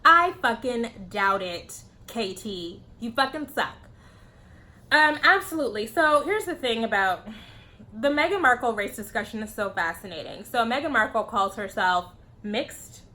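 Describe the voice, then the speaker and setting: A woman talks straight to the camera in a casual opinion vlog, swearing freely and laughing at her own remarks. Her voice sits a little high and comes across bright and forceful. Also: expressive, normal speed. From United States. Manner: blunt, profane, laughs often. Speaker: vlogger.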